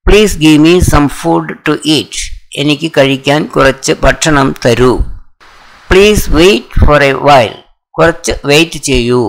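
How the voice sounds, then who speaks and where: A man with a Malayali accent teaching English, reading each sentence slowly, then giving its translation a little faster. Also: on the high side, low-quality recording. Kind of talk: slow sentence drill with translations.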